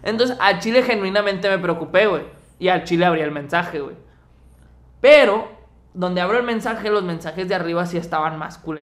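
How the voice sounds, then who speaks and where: Bright, high-voiced Mexican man telling a story. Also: brisk. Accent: Mexican Spanish. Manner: animated, slangy storytelling with acted-out quotes. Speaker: podcast co-host. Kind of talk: casual storytelling chat.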